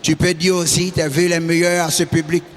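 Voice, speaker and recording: A man voicing a slow, solemn older male president addressing a crowd, with flat, affectionate delivery. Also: fairly high pitch, a little hiss or hum, voice pushed down, natural voice. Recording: hall echo from a live stage.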